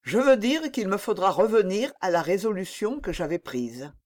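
A woman reading the part of a young princess who speaks with soft, sad firmness in an audiobook. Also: medium pitch, very animated, moderate pace, natural voice. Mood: melancholy. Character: young melancholy princess, gentle and firm.

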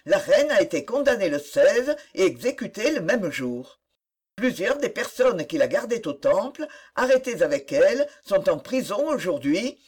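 A kind, honest older man gives grave news in a sober, plain voice with a husky edge, as a reader voices him. Lively pitch keeps it from sounding flat. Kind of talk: audiobook character voice.

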